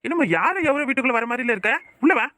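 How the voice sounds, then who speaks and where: A performer voices a peacemaking older father for a cartoon, using a Kanyakumari Tamil accent and a pleading, placating mood. The voice sits high, with lively intonation, and races along, pushed and bright. The recording is dry and studio-clean.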